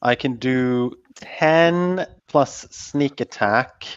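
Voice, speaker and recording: A man's voice: medium pitch, extremely slow, clean tone, lo-fi sound. A man playing an assassin in a tabletop game, describing his moves with hesitant restarts. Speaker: player. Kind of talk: casual tabletop game chat.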